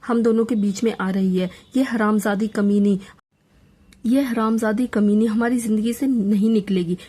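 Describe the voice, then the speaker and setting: A woman voicing a drunk, jealous young fiancée who shouts accusations, in a storybook reading. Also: fairly high pitch, close to an everyday voice.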